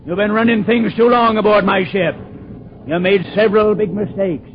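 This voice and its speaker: An actor playing a stern but fair sailing ship captain, salty and authoritative, in old-time radio adventure style. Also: male voice, sits high, fairly even intonation, moderate pace, close to an everyday voice. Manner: salty, authoritative, sardonic toward his mate. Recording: muffled old radio recording, loud sea noise.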